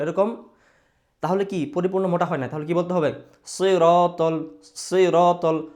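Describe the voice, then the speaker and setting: A man teaches Arabic pronunciation in a slightly high voice. He drills syllables over and over, drawing them out, and keeps checking with rhetorical questions. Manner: drills syllables slowly, asks rhetorical questions, repeats for students. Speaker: Quran recitation teacher. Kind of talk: online pronunciation lesson.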